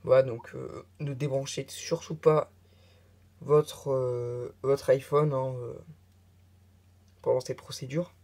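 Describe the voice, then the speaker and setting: A man talks through a relaxed, step-by-step tech tutorial in a mid-range voice that is mellow in tone. He hesitates often, fills gaps with filler sounds and wanders into offhand chatty asides.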